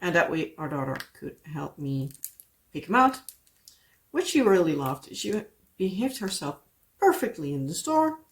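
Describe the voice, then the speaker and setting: With a deep voice that swings widely in pitch, a woman talks a little slowly. She's a native Dutch speaker with a Dutch accent, rambling in casual craft-vlog chat heavy on "like" and "yeah."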